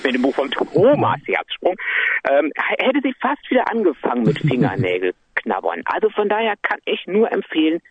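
A man joking around as a guest in a casual interview, animated and quick to laugh. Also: fairly high pitch, slightly rough, no room sound, muffled recording.

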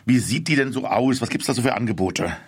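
A man's voice: medium pitch, lively intonation, fairly quick, slightly rough, no room sound, studio quality. A man hosting a radio show, reading a prepared introduction and then interviewing a guest with short questions.

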